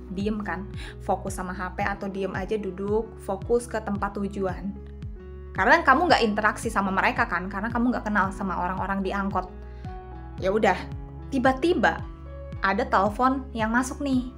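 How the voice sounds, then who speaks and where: A woman's voice: on the high side, a bit bright. A young woman in casual talk to camera, addressing her viewers directly, seated indoors. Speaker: vlogger. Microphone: camera and phone in front.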